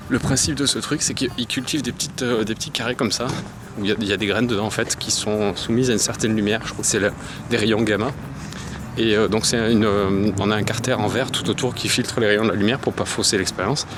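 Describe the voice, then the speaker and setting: A young Frenchman vlogs while walking the city streets outdoors, chatting casually with plenty of fillers and slang. His voice is fairly low and brisk with fairly even intonation, and loud traffic noise surrounds him.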